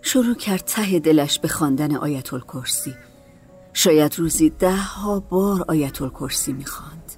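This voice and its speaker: A calm female narrator reads a storybook aloud in a lowish voice, with faint music playing underneath.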